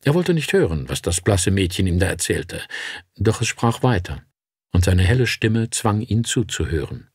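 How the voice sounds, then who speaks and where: Male audiobook narrator, measured and dramatic, low husky voice, dry studio sound. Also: sing-song, darkish tone, dry recording.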